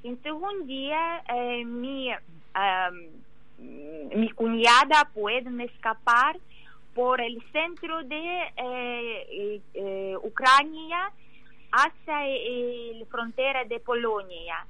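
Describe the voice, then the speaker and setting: An emotional woman with a Ukrainian accent gives interview testimony haltingly, searching for words in a language that is not her own. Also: a little high, expressive, no echo, dull audio. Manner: halting, searching for words in non-native Spanish. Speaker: interview guest.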